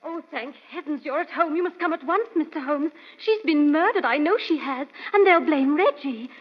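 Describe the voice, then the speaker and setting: Sounding distraught, a fluttery, genteel young lady's companion talks at normal speed in an expressive, very high voice. She's earnest and chatty, suited to a vintage radio mystery, and the old radio recording sounds dull.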